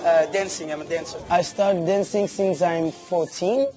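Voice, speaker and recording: A man's voice: high voice, steady tone, moderate pace, over music. A man in his twenties from Somalia, a talent show contestant, talking earnestly in a casual interview. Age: 20s.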